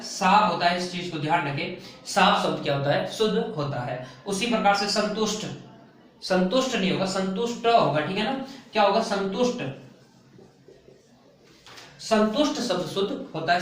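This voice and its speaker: A man teaching a Hindi spelling lesson for exam prep, drilling students by asking questions and then answering them himself. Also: high-pitched. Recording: loud echo, voice far from the mic.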